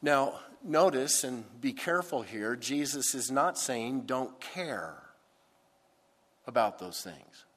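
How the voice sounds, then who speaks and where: A pastor preaching a sermon into a pulpit microphone, with a deliberate, emphatic delivery. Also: male voice, medium pitch, lively intonation, fairly bright tone. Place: church sanctuary. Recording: long church hall reverb.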